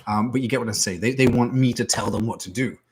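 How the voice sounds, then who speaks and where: A man's voice: medium pitch, fast talker, slight background noise. A man, a teacher, answering questions in a casual live stream with dry, self-mocking humor. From England. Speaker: English teacher.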